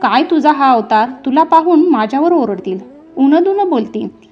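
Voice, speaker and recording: A woman's voice: sits high, animated, moderate pace, muffled recording. A woman voicing a timid young palace maid who speaks anxiously in a storybook telling. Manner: questioning, pleading.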